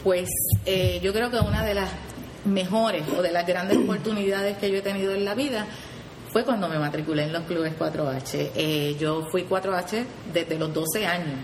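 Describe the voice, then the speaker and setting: With a fairly low voice and a moderate pace, a 4-H youth program leader from Puerto Rico earnestly explains her work as an interview guest. Her Puerto Rican Spanish is full of "¿verdad?" tags and restarts, heard through reverb and a noisy background.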